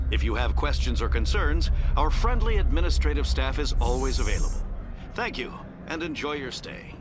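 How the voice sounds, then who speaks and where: A man's voice: fairly high pitch, close to an everyday voice. A man playing a polite port welcome announcer in a video game, giving a formal scripted announcement. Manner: formal, courteous.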